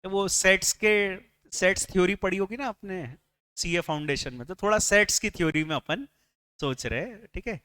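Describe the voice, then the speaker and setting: A man's voice: sits high, moderate pace, bright, forceful tone, clear, resonant tone. A man with an Indian English accent teaching a classroom lecture, explaining step by step, asking the class questions and mixing English phrases into his speech. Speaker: tax lecturer.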